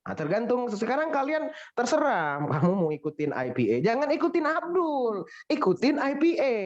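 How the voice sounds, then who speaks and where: Brief: Indonesian-accented male teacher, lively pitch, playful classroom banter, dull lo-fi sound. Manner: playful, teasing, jokey mock-English examples. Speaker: English teacher.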